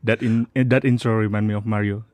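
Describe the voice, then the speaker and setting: A man's voice: lowish voice, level tone, fast talker, darkish tone, dry recording, studio quality. Laid-back young man from Indonesia. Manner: laid-back, teasing, laughs a lot. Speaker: podcast guest. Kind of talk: casual podcast chat.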